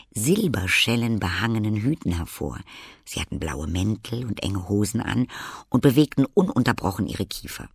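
A man reading a fairy-tale audiobook aloud in a measured, expressive way. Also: on the low side, vocal fry, slightly rough, no room sound, clean studio sound. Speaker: narrator.

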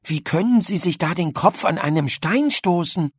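A man's voice: expressive, normal speed, slightly rough, no echo. A man voicing a bold young girl who calls out urgently in a raised voice. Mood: puzzled. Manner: urgent high calling.

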